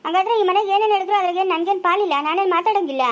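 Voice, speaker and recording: A woman's voice: extremely high pitch, racing, muffled recording. A woman playing a quarrelsome village woman who fights for her rights in a family drama, speaking with a rural Chikkaballapura Kannada accent and a scolding manner. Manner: scolding, fierce and indignant.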